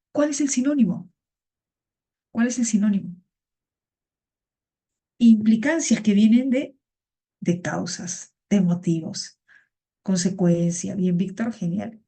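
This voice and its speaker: A woman's voice: medium pitch, warm tone. A woman teaching a vocabulary class over a video call, patient and repeating words. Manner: patient, repeats words and greets students by name.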